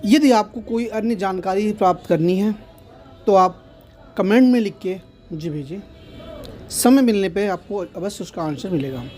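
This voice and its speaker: Male meditation guide, earnest and explanatory, soft music faintly behind. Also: sits high, normal speed. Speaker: meditation teacher. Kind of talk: instructional talk to camera.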